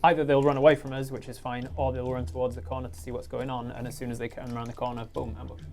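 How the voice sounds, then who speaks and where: A man's voice: mid-range voice, little pitch movement, fast talker. A man playing a tabletop game, thinking aloud and restarting often while laying out his plans. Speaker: guest player.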